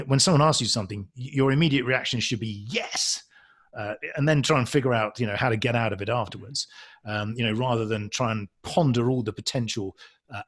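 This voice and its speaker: Husky, halting Englishman reminiscing. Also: mid-range voice, fairly bright tone. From England. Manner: hesitant, halting, with frequent ums and restarts; reflective and self-deprecating. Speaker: podcast guest. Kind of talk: casual conversational interview.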